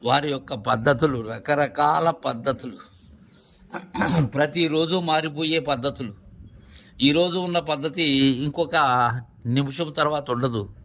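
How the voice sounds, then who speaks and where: A man's voice: fairly high pitch, fairly bright tone. Man giving a devotional discourse. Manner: explanatory, repeats points, asks rhetorical questions. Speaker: spiritual teacher explaining verses.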